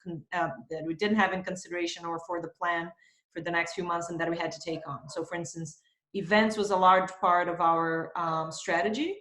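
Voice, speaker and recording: A woman's voice: fairly low pitch, fairly even intonation, a little fast, a bit bright, reverberant. Thoughtful Brazilian-born woman on a video call. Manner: thoughtful, many fillers. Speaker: marketing executive guest. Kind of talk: remote video interview. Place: home in Spain.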